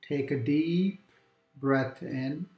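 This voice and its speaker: A man guiding a calm grounding meditation exercise, giving gentle, unhurried instructions with long pauses between phrases. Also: fairly high pitch, reverberant. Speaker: meditation guide. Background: quiet background music.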